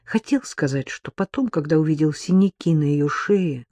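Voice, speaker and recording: Mellow-voiced man narrating an audiobook. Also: fairly high pitch, lively intonation, normal speed, dry recording. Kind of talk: scripted narration.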